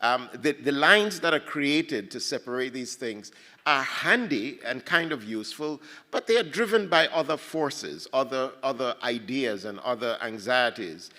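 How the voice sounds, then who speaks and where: A man from Ghana muses through a panel talk, stumbling over words and restarting as he gathers his thoughts. His voice is bright and ringing, and it hangs in the long reverb of a big hall. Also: medium pitch, lively intonation. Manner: halting, many restarts, thoughtful. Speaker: panel speaker at a poetry festival.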